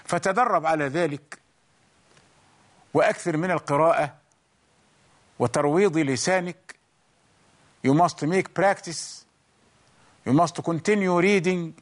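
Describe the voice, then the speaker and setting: Slow, high-voiced man teaching recitation. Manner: slow, deliberate explanations, chanting the examples. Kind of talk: bilingual tajweed lesson.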